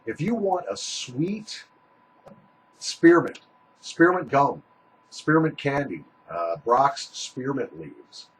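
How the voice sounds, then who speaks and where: A man's voice: medium pitch, big pitch swings, takes it slowly, rough recording. A man giving a casual, rambling product review in a folksy, conversational way, talking with a small pouch tucked in his lip.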